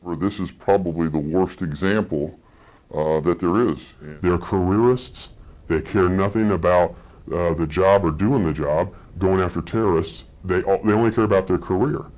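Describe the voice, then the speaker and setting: A man speaking as an anonymous source in a news report, his voice electronically disguised and pitched down, blunt and critical with halting restarts and fillers. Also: a little mellow. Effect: electronically disguised, pitched-down deep voice. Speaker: anonymous federal agent source. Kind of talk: interview clips in a news report.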